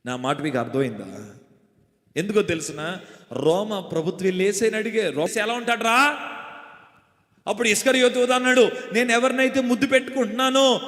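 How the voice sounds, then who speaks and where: Pastor, male, Telugu accent, high voice; fervent call-and-response sermon; long echoey hall sound. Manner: call-and-response preaching, shouting refrains. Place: church hall or meeting.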